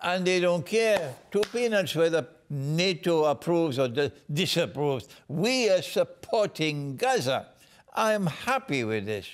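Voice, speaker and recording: A man from Trinidad answers interview questions in a slow, deliberate way. His voice sits fairly high for a man, and he builds his points through preacher-like repetition. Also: big pitch swings. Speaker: guest speaker.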